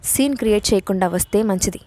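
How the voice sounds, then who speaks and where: A woman's voice: mid-range voice, quick pace, dark tone, no echo, close to an everyday voice. A woman reading the part of a domineering young man who mocks and threatens in curt warnings. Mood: sarcastic.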